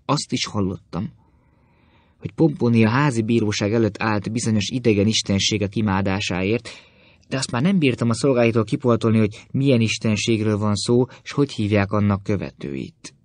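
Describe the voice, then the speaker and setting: Man reading as a slippery, bowing Greek informer for an audiobook, lowish voice, dry close sound; humble words, boastful tone. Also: a little mellow, dry recording, lightly acted. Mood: fawning. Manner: obsequious and boastful. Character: sly, fawning male Greek philosopher-informer.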